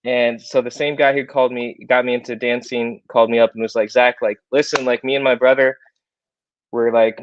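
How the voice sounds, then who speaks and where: A young man presents a casual online talk, upbeat and full of fillers. His pitch sits in the middle range. The sound is dry and a little muffled. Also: no echo. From born in South Korea, raised in Iowa, USA. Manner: chatty, filler-heavy, upbeat. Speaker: guest presenter.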